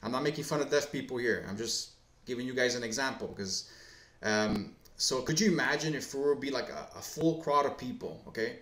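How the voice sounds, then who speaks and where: A man's voice: medium pitch, a little fast, a bit bright. Rambling, foul-mouthed man on an echoey face cam. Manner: profane, rambling storyteller full of fillers and restarts. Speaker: gaming video host. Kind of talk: casual rambling commentary to camera. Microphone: face cam setup. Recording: echoey room.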